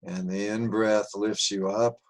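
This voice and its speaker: Male meditation guide, low voice, very slow, soft and soothing delivery. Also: steady tone.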